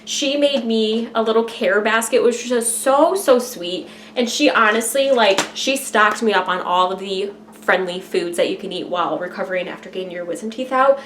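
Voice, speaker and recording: A woman's voice: mid-range voice, normal speed, hardly any pauses, fairly bright tone, a little hiss or hum. A woman talking casually and directly to viewers in an informal, chatty vlog style. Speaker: vlogger.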